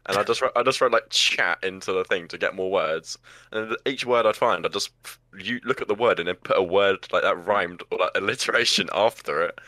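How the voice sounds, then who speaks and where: A man's voice: fairly low pitch, bright, forceful tone, dry recording. A seventeen-year-old man, co-hosting a podcast and rambling through stories in casual talk. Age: teens. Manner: rambling, quick storyteller. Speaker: podcast co-host. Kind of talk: casual chat.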